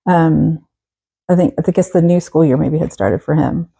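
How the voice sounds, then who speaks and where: Texas woman in her 40s, gravelly warm voice, lots of ums and restarts. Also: low voice, moderate pace, rough recording. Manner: hesitant, many fillers and restarts. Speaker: guest. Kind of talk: casual interview.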